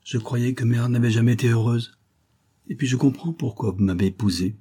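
A man reading the lines of a young woman, a tender and frightened daughter, in a pleading, softly emotional way. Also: medium pitch, a little fast, husky, voice pushed up, natural voice. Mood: tender, anxious.

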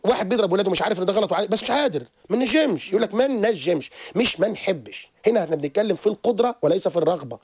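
A man, a therapist guest on a radio show who lectures quickly and keeps restarting his sentences. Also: sits high. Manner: animated, rapid lecturing with frequent restarts. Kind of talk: radio interview explanation. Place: radio studio.

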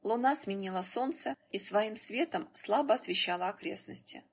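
Woman narrator, husky breathy voice, steady storytelling, scripted action story. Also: medium pitch, moderate pace.

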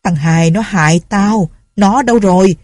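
A woman doing a harsh, shouting old official. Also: fairly low pitch, moderate pace, slightly rough, dry recording, clean studio sound. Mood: furious. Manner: shouting, commanding. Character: older male village official, harsh, quick-tempered father.

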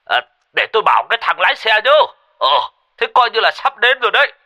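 A man doing a chatty high old man. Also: big pitch swings, quick pace, sharp tone, full character voice. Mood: jovial. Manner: chatty, hesitant fillers. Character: jovial old man on the phone.

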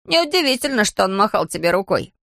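A woman voicing a lively young schoolboy in a storybook, excited and chatty. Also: mid-range voice, fairly quick, gravelly, no echo, studio quality.

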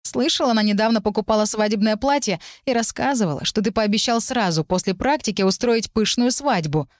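Female reader doing a jealous, hot-headed young male mage, heated and sharp, dry close sound. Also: a little high, fairly quick, no room sound, voice pushed up, close to an everyday voice. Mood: angry, sneering. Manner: snapping, heated, raised tone.

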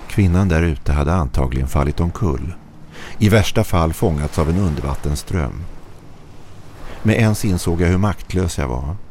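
A man's voice: extremely low pitch, dark tone, slight background noise. A man narrating a first-person horror story in short, tense, clipped phrases.

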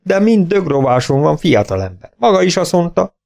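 A man's voice: on the high side, sing-song, vocal fry, darkish tone, voice pushed up. A man voicing a middle-aged male farmer who talks in a blunt, rustic, exclaiming way, raised above his own voice. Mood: doubtful.

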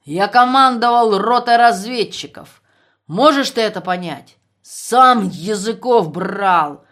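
A woman voicing a drunk, boastful male army officer who talks loudly and blusters. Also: medium pitch, lively intonation, slow. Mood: drunk, aggressive. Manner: loud, blustering, slurred bragging.

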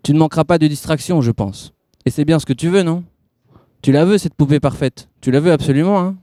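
A man putting on a cold, smooth man in grey. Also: fairly high pitch, brisk, dark tone, no echo, studio quality, voice pushed up, close to an everyday voice. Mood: coaxing. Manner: persuasive, pushy, icy under a sweet tone. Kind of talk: reading a novel aloud.

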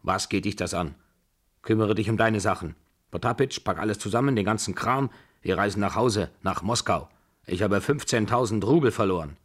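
A man's voice: on the low side, normal speed, breathy edge. A man voicing a bossy old grandmother. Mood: commanding. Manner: scolding, commanding, abrupt. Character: imperious, quick-tempered old Russian grandmother. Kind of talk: radio drama reading.

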